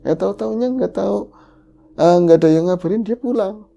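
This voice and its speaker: A man co-hosting a horror podcast, retelling a ghost story in the first person with animated delivery. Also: brisk, gravelly. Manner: animated, voice jumps high for quoted lines.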